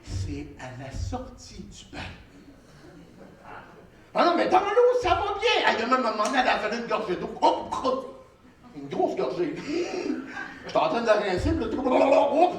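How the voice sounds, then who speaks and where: A young male stand-up comedian with a Québécois French accent, telling a story in an animated, theatrical way that swings into shouts and sing-song. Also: extremely high pitch, normal speed, distant mic. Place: theatre stage. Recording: roomy live stage sound from off-mic.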